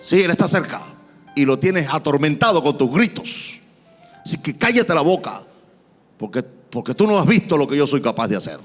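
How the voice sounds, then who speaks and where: A man's voice: a little high, sing-song, moderate pace, pitched below the performer's own voice. A man voicing a tough, thuggish male disciple who threatens and bosses, in a reverberant church with faint music. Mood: bossy. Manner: threatening, bossy.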